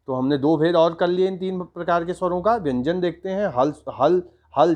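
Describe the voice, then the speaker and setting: Male school teacher, Uttarakhand Hindi accent, slightly high voice, patient step-by-step explainer who chants examples. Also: a little mellow. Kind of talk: grammar lesson for school students.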